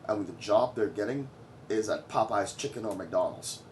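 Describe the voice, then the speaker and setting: A man in his forties, from Trinidad and Tobago, talks straight into his vlog with a fairly low voice. He is blunt and boastful and lectures the viewer. He has no patience for anyone's feelings. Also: normal speed, darkish tone, a little hiss or hum. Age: 40s. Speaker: vlogger. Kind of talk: opinionated commentary.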